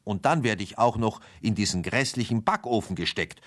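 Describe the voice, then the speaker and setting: A man's voice: on the low side, expressive, moderate pace, voice pushed up. A man doing a grumbling fed-up witch. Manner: grumbling, complaining. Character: weary witch, fed up with her fairy-tale role.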